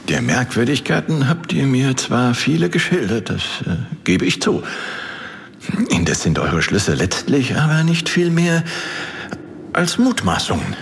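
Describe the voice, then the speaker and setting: Haughty chancellor, wildly swooping intonation. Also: male voice, mid-range voice, big pitch swings, unhurried, creaky. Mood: grudging, measured. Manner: haughty, dismissive, archaic formal speech. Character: dismissive, skeptical male chancellor of a castle. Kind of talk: gothic audio drama acting. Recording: long reverberant hall.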